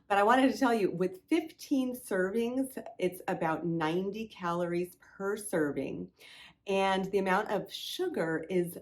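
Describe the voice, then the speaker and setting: A woman's voice: medium pitch, darkish tone. A middle-aged woman hosting a cooking video, giving friendly, chatty step-by-step instructions. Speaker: cooking show host. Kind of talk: recipe demonstration.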